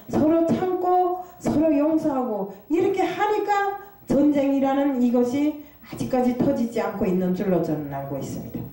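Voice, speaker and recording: In a confessional, self-critical sermon, a woman frequently hesitates and asks rhetorical questions. Her voice is mellow and a little high, and the recording is very echoey, with her far from the microphone.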